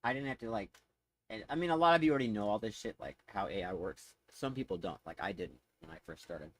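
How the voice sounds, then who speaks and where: A man's voice: on the low side, expressive, fast, fairly bright tone, poor audio. A man streaming live, chatting casually in a rambling, easily sidetracked way with frequent laughs. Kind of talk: casual livestream chat.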